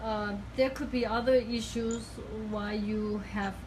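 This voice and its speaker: A woman with talks through a hands-on treatment as the practitioner. She is instructive but halting, pausing to find her words. There is clear noise behind her in the room. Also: fairly high pitch, steady tone. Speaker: acupuncturist giving a cupping treatment. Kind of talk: explaining a treatment in casual talk. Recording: clearly noisy room recording.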